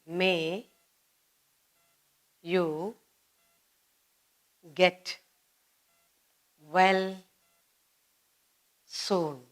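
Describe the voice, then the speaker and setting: A woman's voice: on the low side, fairly even intonation, drawn-out words, long pauses. A woman teacher with an Indian English accent giving a patient grammar lesson for children, repeating and drawing out each example sentence.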